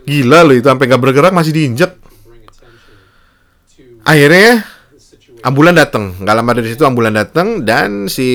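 A young man, telling a story in a casual monologue and voicing the people in it with a raised voice. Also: fairly bright tone. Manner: slangy Jakarta-style speech, acts out quotes in a high voice.

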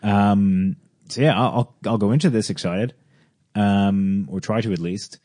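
Low mellow hesitant podcast guy. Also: unhurried. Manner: hesitant, many ums and restarts. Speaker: podcast co-host. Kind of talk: casual chat.

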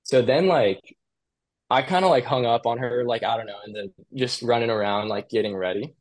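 A man's voice: medium pitch, brisk. A young man casually telling a story, rambling and profane, filling nearly every phrase with "like". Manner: profane, animated retelling.

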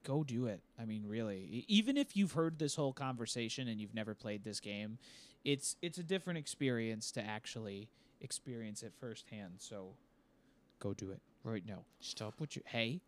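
A man's voice: mid-range voice, animated, moderate pace. Rambling young man co-hosting a podcast. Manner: rambling, self-deprecating, jokey. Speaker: podcast co-host. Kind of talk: casual podcast chat.

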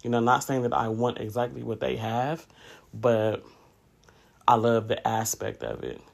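Talking in an unhurried, creaky, mid-range voice, a man in his late 30s hosts a podcast. He is candid and conversational, often saying "you know," as he reflects casually in a monologue sprinkled with asides.

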